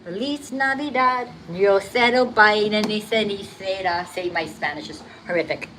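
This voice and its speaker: Over a noisy background and the sound of tap water in her home kitchen, a livestream host chats casually while she cooks and cleans. Her medium-pitched voice moves a little slowly, with a New Jersey accent and a slight lisp. She stays chatty and upbeat, humming and singing along.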